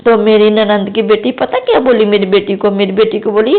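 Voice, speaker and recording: A woman's voice: medium pitch, fairly even intonation, fairly quick. A middle-aged woman from Jammu telling a long personal testimony to a devotional congregation, rambling and repeating her address to the listeners. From Jammu, India. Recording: tinny phone-like recording.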